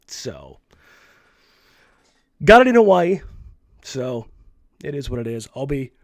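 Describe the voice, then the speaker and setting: A man's voice: medium pitch, very animated, slow, no room sound, studio quality. Recovering sick man hosting a podcast. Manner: frank and rambling, with many restarts. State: still a little sick. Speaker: co-host. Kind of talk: casual sports podcast chat. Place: at home while isolating. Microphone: own microphone, muted between coughs.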